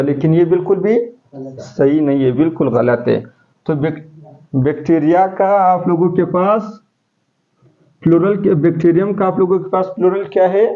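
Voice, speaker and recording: A man teaching a class, speaking in a somewhat high voice that he keeps throwing out as questions for his students. The lo-fi recording sounds dull and muffled. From Pakistan. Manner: explains step by step, asking the class questions. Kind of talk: classroom lecture.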